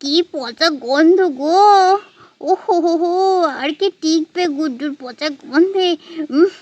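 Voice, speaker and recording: A woman voicing a bustling village mother doll who scolds and dotes on her children, talking fast and nagging. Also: sits high, a little mellow, slight background noise. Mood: fussing. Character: fussy village mother, scolding yet doting. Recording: dull lo-fi sound.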